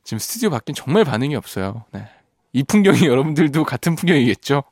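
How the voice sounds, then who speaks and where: In a radio studio, a male host with a medium-pitched, slightly mellow voice reads listener messages very animatedly and fast, and the recording is dry and clean. He's playful, laughs often, and strains his voice while singing a line.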